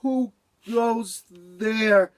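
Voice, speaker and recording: A man's voice: a little high, expressive, measured pace, voice pushed up. A man voicing a cheerful, hardworking male beaver who loves to sing, talking in a playful singsong way. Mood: sleepy.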